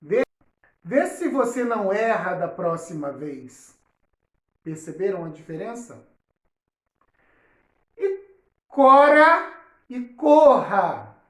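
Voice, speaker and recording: A woman teacher gives a lesson to children, saying example words slowly and checking often that they understand. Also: fairly low pitch, expressive, darkish tone. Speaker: primary school teacher. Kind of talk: recorded online lesson. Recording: roomy, echoey recording.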